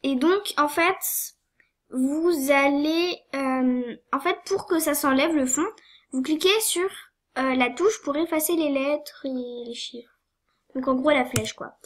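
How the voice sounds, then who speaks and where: A woman's voice: high voice, takes it slowly. A young woman with a cold walks through a tutorial, hesitant, with many fillers and apologies. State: sniffly with a cold. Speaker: tutorial maker. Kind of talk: screen-recorded game tutorial.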